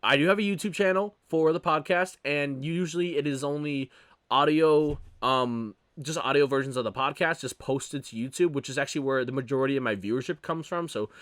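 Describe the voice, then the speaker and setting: A young man hosting his own podcast, talking casually and rambling with frequent self-corrections and animated opinions. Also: fairly high pitch, brisk, no echo. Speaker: podcast host. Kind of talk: casual solo podcast commentary.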